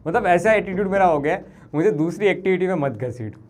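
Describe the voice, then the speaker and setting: Higher-voiced man teaching physics, young, familiar, spells out equations, soft apologetic asides. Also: expressive. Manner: talks to students as family, drops into soft apologetic tones; mixes Hindi with English formula terms, reads equations slowly. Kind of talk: live online class.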